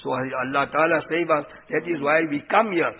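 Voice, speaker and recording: Husky man preaching, dull recording. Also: on the high side, fairly even intonation, moderate pace. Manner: earnest, didactic, asking rhetorical questions. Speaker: Islamic preacher. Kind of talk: informal religious sermon, explaining and translating quotations. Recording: dull, lo-fi radio-like sound.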